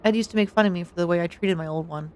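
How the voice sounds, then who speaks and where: A woman voicing a hardened male space cop from a game, reading his lines in a low, wry and reflective tone. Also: racing, darkish tone, natural voice.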